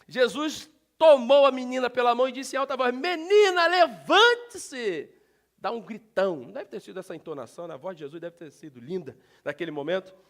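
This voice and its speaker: Brazilian pastor, male, very high-pitched, lively preaching to his church. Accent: Brazilian Portuguese. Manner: preaching with sudden loud shouts; animated, talks directly to the congregation. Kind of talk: sermon. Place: church sanctuary.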